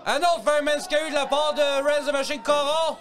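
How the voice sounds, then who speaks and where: Very high, shouting male wrestling commentator, noisy crowd. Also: brisk. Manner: excited, shouting, echoes his partner's calls. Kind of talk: live wrestling play-by-play commentary. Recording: loud crowd, very noisy live event.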